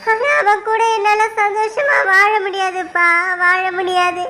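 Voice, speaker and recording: A woman's voice: very high voice, steady tone, unhurried, bright, forceful tone, slight background noise, heavily acted. A woman voicing an earnest young village daughter in a cartoon, who pleads in long, heartfelt appeals. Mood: distressed. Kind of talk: cartoon voice acting.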